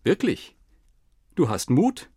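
A man putting on a pompous old fairy-tale king who declaims every line with swooping, lively emphasis. His voice sits higher and louder than ordinary talk, with a bold, theatrical lift. The reading is close and dry. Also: takes it slowly, husky, no echo, exaggerated voice. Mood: pleased. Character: pompous, moody old king, fond of big ideas.

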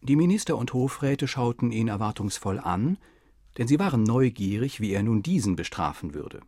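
A man reads a fairy tale aloud in a playful, storytelling manner, his pitch rising and falling a great deal. His voice sits at an ordinary middle pitch. The recording is close and dry, with no room sound. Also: sing-song, normal speed, warm tone, dry recording. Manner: playful, addresses the listener. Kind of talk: scripted fairy-tale narration.

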